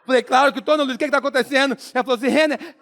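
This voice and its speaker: A young Brazilian man with a Brazilian Portuguese accent, giving a motivational speech and acting out his own story, swinging from hushed to shouting. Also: extremely high pitch, steady tone, very fast. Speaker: motivational speaker.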